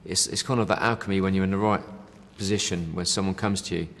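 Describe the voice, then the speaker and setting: Deep, creaky, and a bit bright, the man's voice runs fast with fairly even intonation in a big-room space. A band member in a casual interview, he rambles with many fillers, saying "you know" and now and then "mate".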